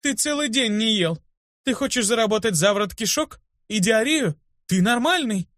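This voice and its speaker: A man's voice: high-pitched, expressive, no room sound, clean studio sound, voice pushed up. A male audiobook reader voicing a fussy, bossy young woman healer who fires off worried questions and scolds. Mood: scolding. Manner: anxious rapid questioning, scolding. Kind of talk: audiobook character voice.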